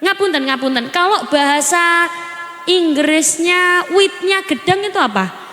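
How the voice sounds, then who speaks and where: Woman preacher, high voice, animated and teasing, PA mic, echoey hall, faint noise. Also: measured pace. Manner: animated, asks the audience questions and teases. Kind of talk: lively village sermon with jokes and crowd questions.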